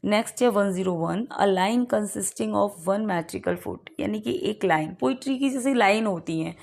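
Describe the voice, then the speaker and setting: Gravelly-voiced Indian woman teaching literature. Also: medium pitch, darkish tone. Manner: reads questions slowly, then explains in Hindi with frequent "ठीक है". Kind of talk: exam-prep lecture.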